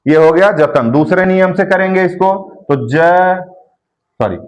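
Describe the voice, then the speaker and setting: Man teaching slowly, repeating each syllable. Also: high voice, lively intonation. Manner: slow, repetitive explaining, drawing out syllables. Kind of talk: classroom lesson.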